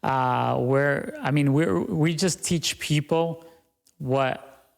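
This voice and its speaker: A man's voice: a little high, takes it slowly, vocal fry, long reverb tail. A young man talking earnestly as a podcast guest, often tagging his points with "right?". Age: young adult. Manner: earnest, repeats "right?" and "you know". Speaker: guest, business owner. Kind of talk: podcast interview.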